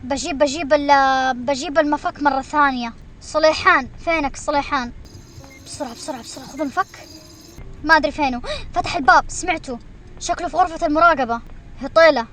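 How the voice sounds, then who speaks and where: A woman streamer giving excited commentary while she plays a game, shrieking when she is chased. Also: high-pitched, quick pace, soft background music. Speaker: gaming streamer.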